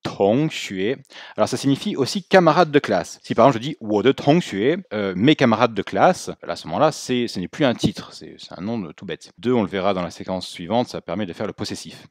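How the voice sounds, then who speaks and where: A man's voice: fairly low pitch, expressive, fast, hardly any pauses, dry recording, studio quality. A man teaching a spoken language lesson, explaining patiently and modelling pronunciations for learners to repeat. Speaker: Mandarin teacher.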